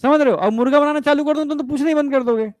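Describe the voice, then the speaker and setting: A man with a very high voice lectures a biology class, keeps checking that the students follow, and slips English science terms into his Hindi. The sound is dry and close, with no room echo. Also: rapid-fire, a little mellow. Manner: coaxing, keeps asking if students understood. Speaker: biology teacher.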